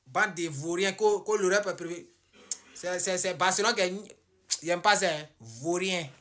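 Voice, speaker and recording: A woman's voice: lowish voice, moderate pace, fairly bright tone. A woman fan of a rival club taunting and scolding opposing supporters.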